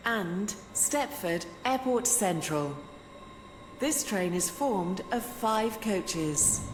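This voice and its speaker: A woman making formal, measured train station announcements over a public address system. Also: medium pitch, background noise. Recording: echoey loudspeaker in a large hall.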